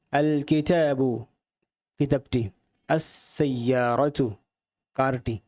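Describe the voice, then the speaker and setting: A man from Bangladesh gives a recorded grammar lesson in a mid-range voice. He slows right down to drill each word, repeats phrases for his students, and then explains in a steady, patient way. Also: mid-range voice. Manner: slow, careful drilling of Arabic words with Bengali meanings; repeats phrases for learners to follow. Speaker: Arabic grammar teacher.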